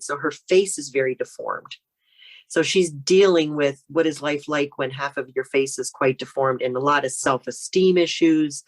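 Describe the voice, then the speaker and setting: An American woman with a deep voice appears as a guest author in an interview, chatting casually and telling anecdotes.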